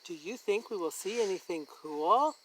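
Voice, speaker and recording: A woman's voice: medium pitch, animated, normal speed, far from the mic, a little hiss or hum, close to an everyday voice. Woman reading as Pete the Cat, curious and wide-eyed. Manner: wondering, questioning, emphatic. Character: curious, slightly nervous young boy cat from a picture book.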